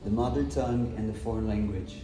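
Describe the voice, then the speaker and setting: A Brazilian man whose first language is Portuguese, an English teacher, talks on a podcast in a lowish, steady voice at a slightly quick pace. He explains emphatically, leaning on short repeated phrases. The sound is roomy, picked up by a distant mic, with music playing underneath.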